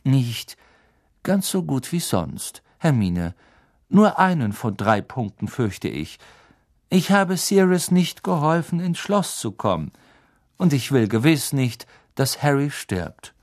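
A man doing a calm, weary werewolf teacher. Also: medium pitch, voice pushed up. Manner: measured, gentle, careful.

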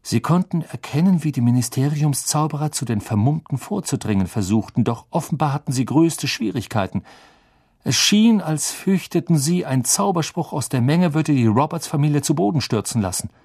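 A man narrating an audiobook in an expressive storytelling manner. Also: a little high, normal speed, slightly rough. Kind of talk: scripted narration.

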